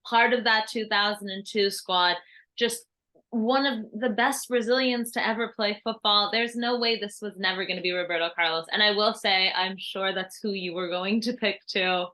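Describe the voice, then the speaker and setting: A young woman co-hosting a football podcast, lively and quick to laugh. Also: mid-range voice. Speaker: podcast co-host. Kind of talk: casual football debate.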